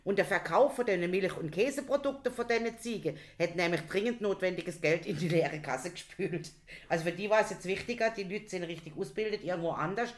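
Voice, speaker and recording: Woman, podcast co-host; lower voice, chatty and rambling. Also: brisk. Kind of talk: casual chat.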